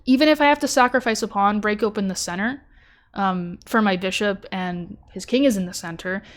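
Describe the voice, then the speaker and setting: A woman's voice: mid-range voice, brisk. Chatty young woman talking through chess moves. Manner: chatty, self-deprecating, thinks aloud with many fillers. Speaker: chess streamer reviewing her tournament game. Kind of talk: casual live-stream commentary.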